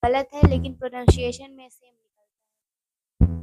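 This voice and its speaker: High-voiced woman teaching Hindi spelling. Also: flat delivery, moderate pace, loud music behind the voice, low-quality recording. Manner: explains step by step, addresses viewers as guys. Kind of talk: spoken exam-prep lesson.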